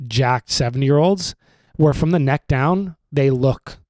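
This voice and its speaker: A man's voice: medium pitch, measured pace, darkish tone, dry recording. Rambling young man, dry close sound. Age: 20s. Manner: rambling and joking, full of fillers. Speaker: podcast host. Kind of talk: casual chat. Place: room at home.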